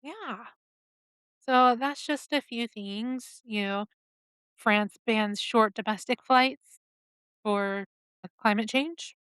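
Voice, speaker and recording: A woman co-hosting a casual podcast, reading out news stories in a halting way with pauses and fillers. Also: fairly high pitch, fairly bright tone, clear, resonant tone, dry recording. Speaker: podcast co-host.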